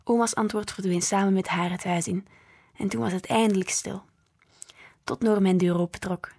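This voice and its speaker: A woman narrating a children's story in the first person, quietly, drifting into hushed whispers. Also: medium pitch, steady tone, moderate pace. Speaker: audiobook narrator.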